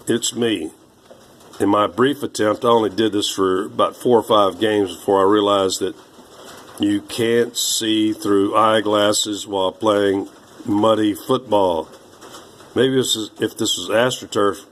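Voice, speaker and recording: A man in his sixties, rambling slowly through old papers, halting with many fillers. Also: lowish voice, rough recording. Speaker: vlogger.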